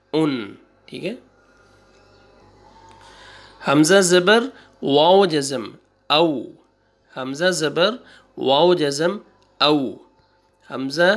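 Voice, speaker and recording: A man teaching Quran reading, spelling out syllables slowly one by one, repeating them and correcting wrong readings. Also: on the high side. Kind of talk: slow spelling-out recitation lesson.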